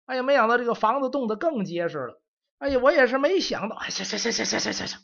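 Guy playing a young apprentice mage making sighing excuses, bright and lively. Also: very high voice, fast talker, vocal fry, voice pushed up, heavily acted. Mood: sheepish. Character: young male mage apprentice, sheepish and apologetic. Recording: dull lo-fi audio.

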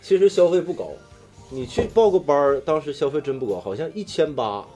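With music in the background, this Daqing man's fairly high voice runs a little fast, his intonation lively. Speaking in a Northeastern Chinese accent, he chats casually among friends as a talk show storyteller. His personal anecdotes come out earthy and slangy, laced with some swearing.

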